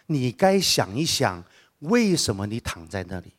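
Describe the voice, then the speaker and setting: A man preaching a sermon, joking with the congregation and acting out the voices of the people he quotes. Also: unhurried. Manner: lively, acts out quoted voices with big pitch jumps; humorous asides with laughter.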